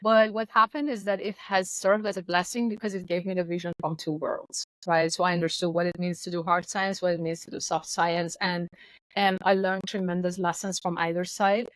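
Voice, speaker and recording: Lower-voiced woman. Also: level tone, fairly quick, dry recording, rough recording. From Iran. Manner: articulate, assured explanations. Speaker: guest. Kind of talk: podcast interview.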